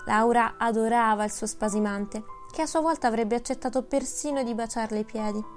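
A woman narrating an audiobook in a steady, measured storytelling manner. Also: a little high, faint music behind.

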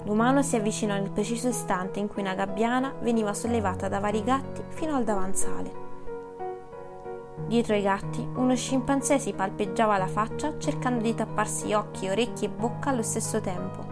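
A woman narrating a children's novel as an audiobook, steady and measured. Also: medium pitch, music in the background.

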